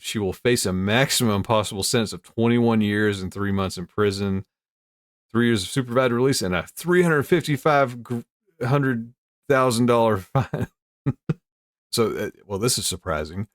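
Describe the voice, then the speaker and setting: Male host, lower voice, amused casual news commentary, dry recording. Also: no room sound. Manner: amused, easily breaks into chuckles. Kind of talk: casual commentary while reading news aloud.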